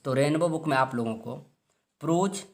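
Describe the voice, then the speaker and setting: A man from India, giving a syllabus lesson for exam students. He reads each title slowly twice, often clearing his throat. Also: a little high. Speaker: teacher.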